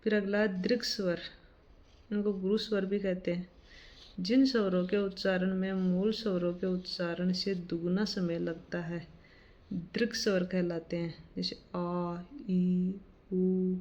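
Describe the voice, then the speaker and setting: Slow, even-voiced woman teaching grammar. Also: on the low side, muffled recording. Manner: slow, measured, reads definitions then explains them plainly. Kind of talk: reading and explaining study notes.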